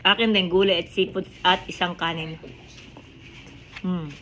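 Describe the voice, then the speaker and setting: A woman's voice: on the low side, steady tone, measured pace, fairly bright tone, rough recording. A woman with a Filipino accent chats casually to her mukbang viewers, chewing while talking. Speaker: vlogger hosting a mukbang. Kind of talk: casual mealtime vlog chat. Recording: clear background noise.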